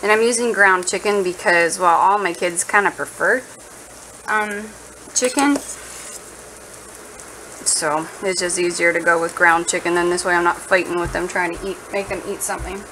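A home cooking vlogger chats casually and playfully while cooking in her kitchen, thinking aloud in an informal way. Her voice is fairly low with a steady, sharp tone at normal speed, and food sizzles noisily in the background.

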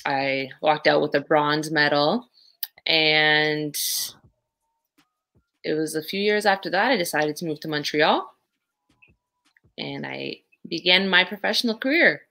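Over a laptop video call from a small indoor room, a young Canadian woman, a pro boxer, answers interview questions as a guest. Her low voice is bright, forward and a bit gravelly, and she speaks at a measured pace with frequent pauses. She's chatty and easygoing, laughing between phrases.

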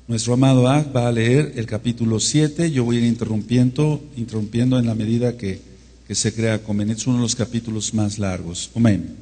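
A man's voice: mid-range voice, steady tone, fairly quick, warm tone, in a large hall. A man teaching a Bible study as a sermon, emphatic and drawn out, with frequent asides to his listeners.

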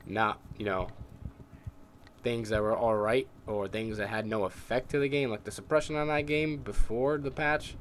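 A young adult man games and talks over it in a tired, scratchy, lowish voice at a moderate pace with fairly even intonation. His casual commentary rambles and rants, packed with heavy swearing.

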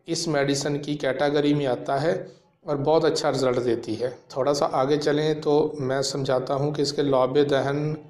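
A man in his thirties, a homeopathic practitioner, explaining a medicine to camera in a measured way with frequent fillers, in a small room. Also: a little high, a little mellow. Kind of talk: educational talk to camera. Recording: echoey room.

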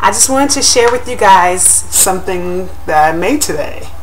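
In her home kitchen, a young woman vlogger chats upbeat to her webcam in a casual review of a pie crust shield, picked up by the built-in mic close to the camera. Her voice is medium-pitched and lively at a moderate pace, and the low-quality recording has slight background noise.

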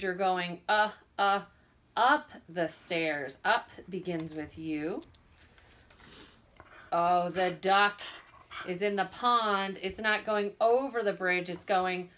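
A woman teaching young children from home, speaking slowly and clearly, sounding out words and encouraging them. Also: mid-range voice, fairly bright tone. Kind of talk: remote lesson for young children.

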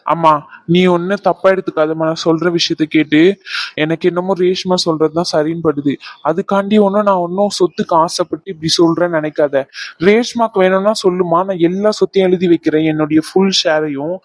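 A woman voicing a calm, loyal younger brother in a cartoon dub, speaking plainly. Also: fairly low pitch, a little fast, dry recording, studio quality, natural voice. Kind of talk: cartoon dubbing.

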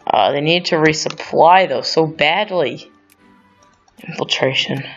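Here a man runs a gaming channel, musing over strategy play with rambling tangents and frequent self-corrections. He speaks a little slowly, in a slightly high voice with a fairly bright tone. Faint music plays behind a dull, lo-fi recording.

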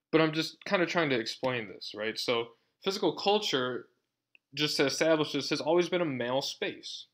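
A man with a medium-pitched, slightly bright voice delivers a conversational university lecture. He sounds sarcastic and often checks in with the tag question "right?"

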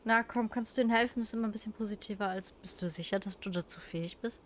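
A woman's voice: mid-range voice, fast talker, slight background noise. A woman casually commenting on her gameplay, chatty and joking with viewers. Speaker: let's play streamer.

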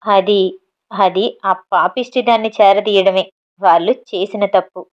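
A woman's voice: medium pitch, steady tone, a little slow, dull audio, lightly acted. A woman voicing a proud, cruel father who answers his family with defiance and contempt, in a storybook reading. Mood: defiant.

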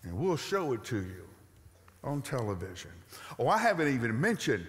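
An older pastor with a Southern US accent delivers a lively sermon from a large stage, pacing and gesturing as he drives home rhetorical questions. His mid-pitched voice rings out with the long reverb of a big sanctuary. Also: normal speed.

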